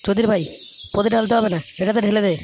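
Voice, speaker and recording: Cartoon role: played by a woman timid, whiny husband, rushed, a bit lower. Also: steady tone, heavy background noise, close to an everyday voice. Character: meek henpecked husband and customer.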